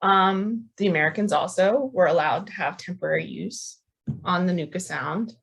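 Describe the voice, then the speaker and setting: Woman, history lecturer, lower voice, halting and filler-heavy delivery. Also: creaky, fairly bright tone, husky, rough recording. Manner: hesitant, many ums and restarts. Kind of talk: academic talk.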